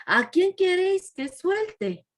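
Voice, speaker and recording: A woman's voice: very high voice, sing-song, takes it slowly, pitched above the performer's own voice, full character voice. A woman voicing a stern male Roman governor who questions a crowd in a children's Bible lesson. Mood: questioning. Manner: raised, questioning delivery.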